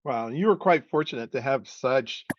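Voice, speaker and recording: A man hosting a podcast interview who asks questions and responds with warm affirmation. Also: mid-range voice, animated, normal speed, no echo, lo-fi sound. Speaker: podcast host.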